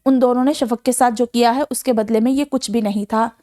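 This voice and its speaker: A man's voice: extremely high pitch, steady tone, mellow. A woman voicing an angry, vengeful young man from a novel, bitter and scornful in manner.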